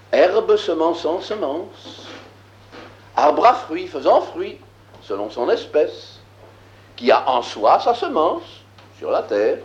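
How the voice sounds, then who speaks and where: A man teaching a lesson, reading scripture aloud and explaining it, slow and emphatic, with frequent filler words. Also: sits high, roomy sound, muffled recording. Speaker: Bible teacher.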